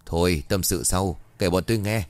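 A man's voice: low-pitched, normal speed, darkish tone, no room sound, natural voice. A man voicing a blunt, impatient middle-aged man who snaps at others. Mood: gruff. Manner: brusque, snapping.

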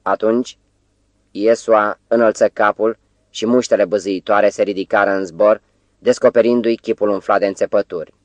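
A man reading a novel aloud as an audiobook narrator, in a measured, even-paced way. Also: on the low side, no room sound. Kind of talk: scripted literary narration.

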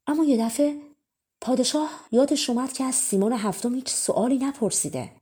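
A woman narrating a fairy-tale audiobook with an expressive, clear reading. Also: sits high. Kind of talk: storybook narration.

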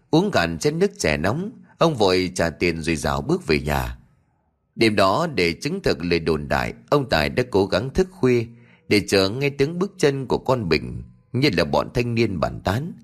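A man narrating a ghost story as an audiobook reader. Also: fairly low pitch.

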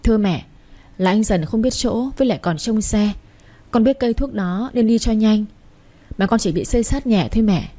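A woman's voice: medium pitch, moderate pace, warm tone, natural voice. Storybook: meek devoted young bride, humble and apologetic, read by a woman. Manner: humble and pleading.

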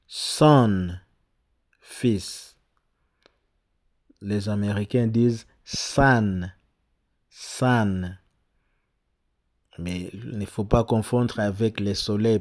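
Male language teacher, low voice, very slow, patient word-by-word drilling. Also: darkish tone. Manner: repeats words slowly for pupils to copy; hesitant, with fillers and restarts. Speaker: English teacher.

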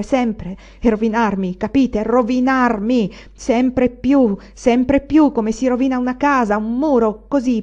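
A woman reading an audiobook, voicing a proud, violent young man who shouts in furious, hammering repetitions. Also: medium pitch, highs cut off, close to an everyday voice.

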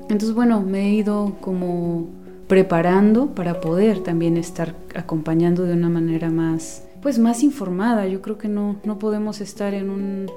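Woman, 40s, from Guatemala, mellow low voice, soft-spoken, halting restarts, faint guitar behind. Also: steady tone. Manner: soft-spoken, searching for words with many pauses and restarts. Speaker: guest, women's companion and former teacher. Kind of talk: unhurried interview talk.

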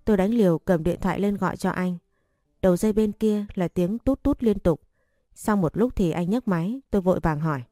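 Low, mellow woman narrating a story. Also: no room sound, studio quality. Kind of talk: first-person story narration.

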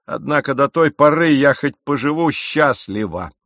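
A man's voice: medium pitch, animated, normal speed, a bit bright, dry recording, studio quality, voice pushed up. A man voicing a blunt, defiant young sailor who refuses his captain.

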